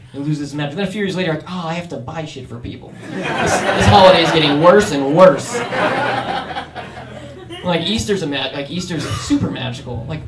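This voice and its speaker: High-voiced man doing stand-up in a club. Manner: energetic storytelling, acts out voices. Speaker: stand-up comedian. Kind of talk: stand-up comedy set. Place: comedy club in front of a crowd. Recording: roomy club sound from a distance with audience.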